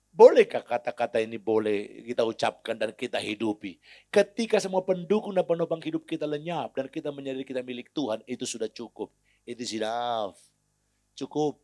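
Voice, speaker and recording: A man preaching a sermon to a congregation in a church hall, alternating between quiet storytelling and loud shouted exhortation. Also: medium pitch, lively intonation, moderate pace. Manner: addresses the congregation as friends, often calling out "hei". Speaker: pastor.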